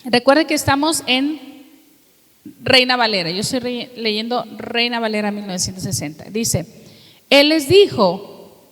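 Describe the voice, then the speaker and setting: A woman pastor preaching a sermon to a congregation, asking them questions and reading scripture slowly and emphatically. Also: on the high side, lively intonation, a bit bright. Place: church hall with congregation. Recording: long reverb of a hall.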